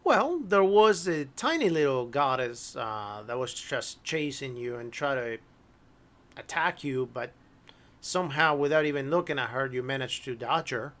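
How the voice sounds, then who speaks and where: A man running a tabletop horror game as game master, relaxed and hesitant, often clearing his throat and saying um. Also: mid-range voice, a little slow.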